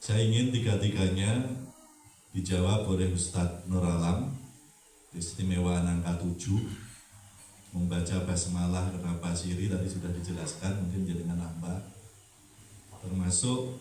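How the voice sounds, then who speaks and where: A man's voice: low-pitched, steady tone, a little slow, pauses often, mellow. A man moderating questions at a religious talk, speaking hesitantly. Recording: echoey hall, voice from a distance, faint background hum.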